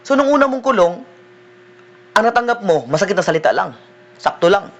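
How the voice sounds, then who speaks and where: A man, a deliverance minister preaching a sermon in a conversational way, often checking in with the listeners with a quick "no?". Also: sits high, very animated, fairly bright tone, lo-fi sound. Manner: conversational preaching, mixing in English phrases, frequent "no?" tag questions.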